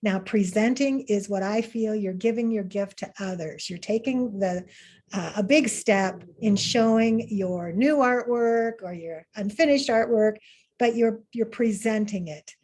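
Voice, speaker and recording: A woman's voice: medium pitch, unhurried, a little mellow. A woman teaching an online art class, talking in an upbeat, encouraging way with fillers and restarts over a video call. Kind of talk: webinar lesson.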